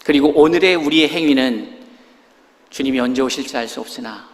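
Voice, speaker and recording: A man's voice: mid-range voice, a little fast, long reverb tail. A man preaching a sermon as a pastor, talking in a conversational way with many rhetorical questions, in a church sanctuary.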